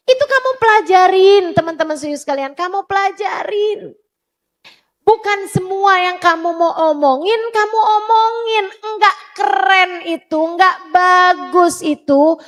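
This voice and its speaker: Slow, high-voiced woman preacher. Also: fairly bright tone. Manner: emphatic, repetitive, addressing the audience directly. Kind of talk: sermon to a women's study group.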